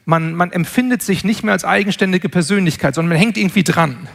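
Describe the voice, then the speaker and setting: High-voiced, gravelly man lecturing earnestly. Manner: measured, earnest, with frequent word repetitions. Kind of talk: spoken lecture.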